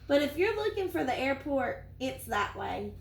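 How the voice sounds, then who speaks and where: A cheeky monkey from the jungle gives directions in a casual, offhand way, as a woman reads it aloud. The voice sits fairly high. There is a roomy echo around it. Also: sing-song, moderate pace, vocal fry, exaggerated voice.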